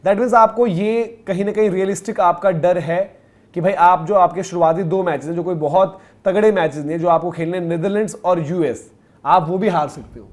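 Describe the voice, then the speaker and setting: A man's voice: high voice, normal speed. A man co-hosting a cricket talk show, explaining and arguing his points in casual panel chat. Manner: explanatory, argumentative.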